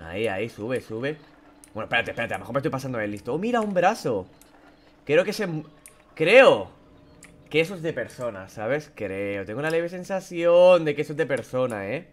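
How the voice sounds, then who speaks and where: Young spanish guy yelling and swearing thru a horror game, voice all over the place, keyboard clacking in the back. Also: medium pitch, very animated, fairly quick. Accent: Spain Spanish. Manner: jumpy, swearing, yelps and shouts at scares, mutters to himself. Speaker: gaming YouTuber.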